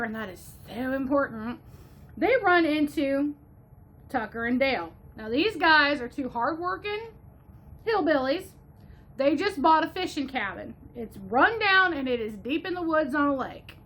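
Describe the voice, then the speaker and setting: A woman's voice: high-pitched, lively intonation, moderate pace, sharp tone. A woman from Ohio giving a chatty, gushing movie review, slipping now and then into a playful mock Southern drawl. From Northwest Ohio, USA.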